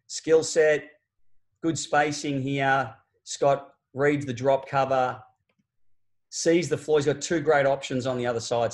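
A man in his forties talks through basketball clips for an online coaching clinic. He speaks at a mid pitch in a relaxed, explanatory way, often restarting phrases and using fillers. He sounds like a laptop webcam mic in a small home office. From Australia. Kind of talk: online coaching clinic talk over game video. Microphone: laptop webcam on a video call.

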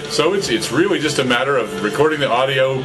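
Over background music, a fifties-aged podcaster speaks fairly quickly at medium pitch into a studio condenser mic on a stand before him. The setting is a small computer-filled office and a casual interview chat with a guest, where he grows excited, animated and gestures plenty.

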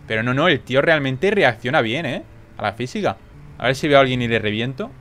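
A young man with a Spain Spanish accent giving excitable gameplay commentary, full of quick exclamations and swearing. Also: medium pitch, slight background noise. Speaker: gaming YouTuber.

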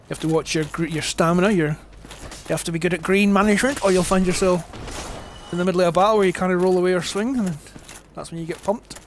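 A man's voice: high voice, steady tone, fast talker, a little hiss or hum. A middle-aged man streaming a game, chatting casually, mocking himself, swearing, and crying out in alarm when things go wrong. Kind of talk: casual gameplay commentary. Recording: game music loud behind the voice. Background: game music.

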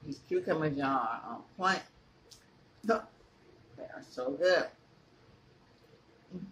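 Slow-talking grandma chewing with mouth full. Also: female voice, low voice, lively intonation, a bit bright, a little hiss or hum. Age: older. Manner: slow, chatty, laughing, addresses viewers as y'all. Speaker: mukbang vlogger. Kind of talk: casual chat to camera while eating.

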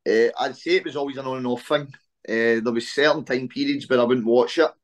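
A Scottish man in his early twenties, a guest speaking casually over a video call, relaxed with lots of "eh" fillers. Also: mid-range voice, fairly quick. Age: 20s. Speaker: interview guest, wrestler. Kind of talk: casual interview chat. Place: small room at home on a video call.

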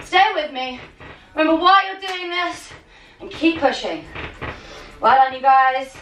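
A woman's voice: high voice, expressive, unhurried, a bit bright. A young adult woman leading a home workout as a fitness coach, urging people on in short, commanding, motivating calls and countdowns. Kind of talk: workout instruction with countdowns and cheering on. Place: small home living and dining room. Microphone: camera a few metres away. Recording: roomy, distant mic, music underneath.

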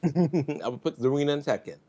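A man's voice: a little high, lively intonation, brisk, mellow, breathy edge. A man guesting on a casual gaming chat, opinionated and slangy. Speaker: podcast guest.

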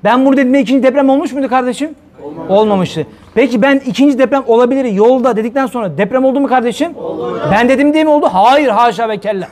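A man's voice: very high-pitched, animated, fast talker, darkish tone. A male preacher giving a heated religious talk, firing rhetorical questions at his listeners. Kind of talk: fiery religious talk to viewers.

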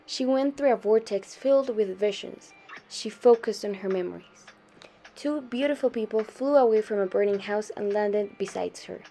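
A young adult woman reading a short story aloud in a steady storytelling manner, softening her voice for quoted lines. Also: medium pitch, normal speed, soft background music. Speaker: student reader.

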